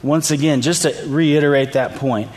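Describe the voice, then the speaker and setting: A man preaching a sermon, retelling a story in a relaxed, conversational way and briefly acting out the people in it. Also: on the high side, normal speed. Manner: conversational storytelling, acts out quoted voices. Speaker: pastor. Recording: reverberant hall, faint ambience.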